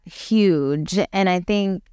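A woman's voice: on the low side, very slow, darkish tone, smooth, dry recording, clean studio sound. A woman hosting a podcast interview, encouraging, with frequent short affirmations. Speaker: podcast host.

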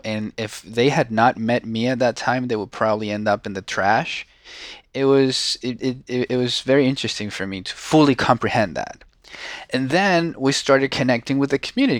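A man's voice: on the low side, gravelly, fairly bright tone, dry recording, clean studio sound. A man from Venezuela whose first language is Spanish, a guest on an interview show, talking earnestly and often restarting his sentences. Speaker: guest, social entrepreneur. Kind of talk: casual interview talk.

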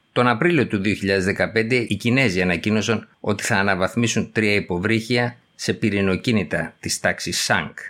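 A middle-aged man presenting a scripted news segment, with a measured, explanatory delivery. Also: on the low side, fairly bright tone.

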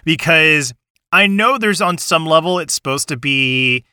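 Bright, eager man on a podcast. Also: a little high, animated, a little slow, clear, resonant tone, no room sound, studio quality. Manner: enthusiastic, rambling with restarts. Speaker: podcast host. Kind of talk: casual podcast discussion.

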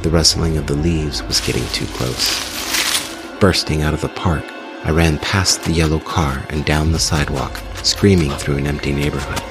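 A man hosting a horror story podcast, narrating in a measured, ominous way. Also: extremely low pitch, fairly even intonation. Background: music.

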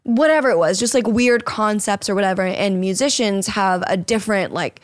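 A young woman who is a dancer and podcast host chats casually on her show, rambling, saying "like" constantly and laughing often. Her medium-pitched voice moves at normal speed, captured as clean studio sound with no echo.

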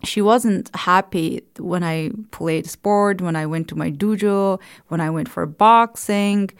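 A woman's voice: fairly low pitch, slow pace, smooth, no room sound. A woman, telling her story in a documentary interview in an earnest, reflective way. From Afghanistan. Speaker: interviewee, former Olympic judoka.

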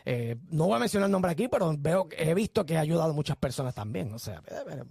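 A man's voice: a little high, big pitch swings, fast, gravelly, a crowd in the background. A man with a Puerto Rican accent hosting a casual entertainment news chat on radio, often addressing listeners emphatically. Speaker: radio host.

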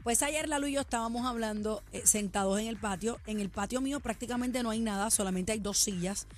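Lively Puerto Rican woman on radio. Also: a little high, fairly quick, slight background noise. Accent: Puerto Rican Spanish. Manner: lively storyteller, self-mocking. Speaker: radio show co-host. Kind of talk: casual radio banter.

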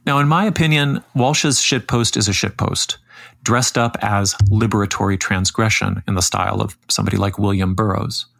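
A man hosting a podcast, reading scripted commentary in a measured, critical way. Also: on the low side, gravelly, a bit bright, no room sound. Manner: measured, critical, reads quotes aloud. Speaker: podcast host.

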